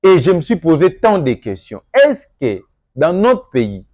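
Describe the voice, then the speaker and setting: A young Congolese man with a Congolese French accent giving an earnest address to viewers, moving between calm reflection and emphatic appeals. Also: fairly high pitch, unhurried, dry recording, studio quality. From Democratic Republic of the Congo. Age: young adult. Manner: earnest, rising to emphatic, mixes French and Lingala. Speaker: political commentator.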